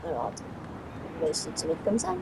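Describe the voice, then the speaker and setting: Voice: medium pitch, wildly swooping pitch, quick pace. Casual gamer thinking aloud, noisy recording. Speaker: gaming video host. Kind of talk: casual let's-play commentary, thinking aloud.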